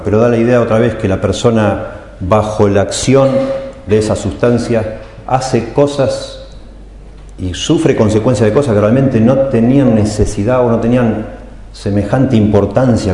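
A man teaches scripture in a sermon, his voice low and warm. He lifts each quoted cry with emphasis. The hall around him rings with a long, roomy reverb. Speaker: pastor.

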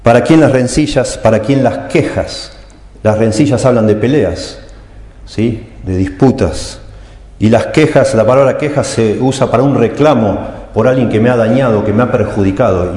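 A man teaches scripture in a sermon, his voice low and warm. He lifts each quoted cry with emphasis. The hall around him rings with a long, roomy reverb. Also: moderate pace. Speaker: pastor.

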